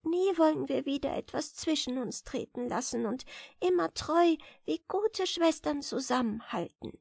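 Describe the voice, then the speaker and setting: Woman reader doing a gentle, high-voiced little girl, loving and earnest, storybook. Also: animated, measured pace, gravelly, dry recording, studio quality, heavily acted. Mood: tender. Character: sweet devoted young girl, gentle and loving.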